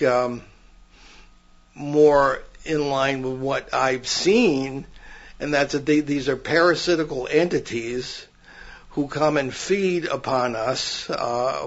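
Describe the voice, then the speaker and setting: Here the older man co-hosting the paranormal podcast has a mid-range, fairly bright voice, though the audio itself is dull. He tells rambling stories in casual chat, restarting often.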